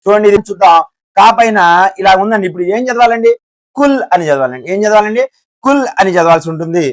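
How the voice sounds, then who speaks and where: A man's voice: high-pitched, lively intonation, quick pace, dry recording. A man with a Telugu accent teaching a lesson, who repeats each syllable and asks and answers his own questions. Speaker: Hindi teacher. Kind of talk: classroom lesson.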